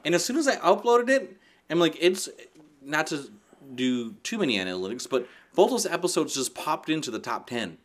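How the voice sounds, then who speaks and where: A man's voice: fairly high pitch, big pitch swings, normal speed, fairly bright tone. A man co-hosting a casual podcast chat, laughing often and trailing off into fillers. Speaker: podcast co-host.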